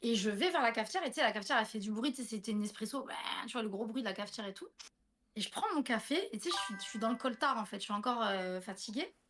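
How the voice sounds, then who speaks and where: A woman's voice: fairly high pitch, animated, rapid-fire, fairly bright tone, a little hiss or hum. A woman in her thirties, a guest telling a personal story in a casual livestream chat, full of fillers and restarts, often speaking directly to her listener.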